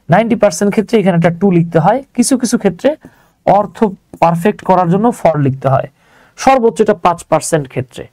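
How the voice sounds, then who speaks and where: This grammar teacher, a man with a Bangladeshi accent, has a high-sitting, darkish voice captured in a dry recording. His informal, step-by-step explanations are conversational and full of rhetorical questions checking on his learners.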